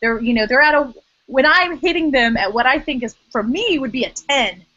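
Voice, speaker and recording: A woman's voice: high-pitched, expressive, normal speed, bright, forceful tone, no room sound. A woman hosting an interview, chatting thoughtfully with a light laugh now and then. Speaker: host. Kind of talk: conversational interview. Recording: dry, dull lo-fi audio.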